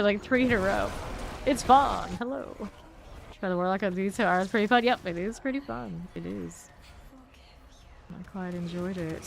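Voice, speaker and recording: Woman game streamer, mid-pitched, loose rambling chat with viewers, faint noise behind. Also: vocal fry. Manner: chatty, rambling, talks to chat. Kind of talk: casual gameplay chat.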